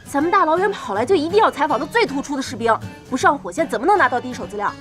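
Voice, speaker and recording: A woman's voice: high-pitched, lively intonation, rapid-fire. An actress playing a headstrong female army reporter who talks boldly and scolds. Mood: determined. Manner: bold, insistent, scolding. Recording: drama audio with music behind.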